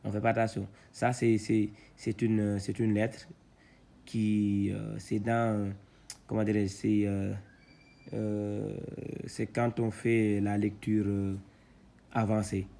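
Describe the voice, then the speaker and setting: A man teaching Quran reading, patiently spelling out syllables one at a time, louder when he sounds them. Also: lowish voice, little pitch movement, takes it slowly, gravelly. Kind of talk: slow letter-by-letter reading lesson.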